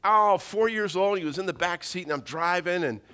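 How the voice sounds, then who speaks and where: A middle-aged man delivers a sermon in a bright, forceful voice pitched a little high. He mixes homespun, humorous family stories with emphatic, repeated lines of preaching. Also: moderate pace, clear, resonant tone. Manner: folksy humorous storytelling. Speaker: pastor.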